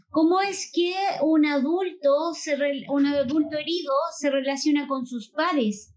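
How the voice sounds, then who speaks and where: A woman's voice: sits high, a little mellow. A Chilean woman hosting a live stream conversation, reading viewer comments and asking her guest questions. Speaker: host.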